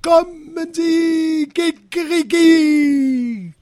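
Ein eitler Zirkusdirektor, der seine Ansprachen in sehr hoher, krähender Stimme langsam ausruft. Aufgeblasen und würdevoll, in trockenem Klang. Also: male voice, big pitch swings, slow pace, no room sound, clean studio sound, exaggerated voice. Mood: grandly declaiming. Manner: grandly declaiming, crowing falsetto shouts. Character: pompous male circus director, loves giving speeches.

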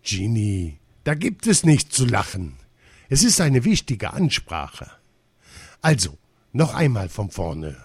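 Ein Mann, der einen pompösen Zirkusdirektor spielt, der in gedehnten, krähenden Ausrufen Reden hält. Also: male voice, sing-song, takes it slowly, husky, dry recording, full character voice. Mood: indignant. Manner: grandly declaiming, crowing falsetto shouts. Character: pompous male circus director, loves giving speeches.

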